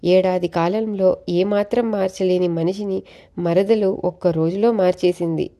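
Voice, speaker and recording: Timid kind wife from a storybook, gentle anxious lines, read by a woman narrator; warm low voice. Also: steady tone, measured pace.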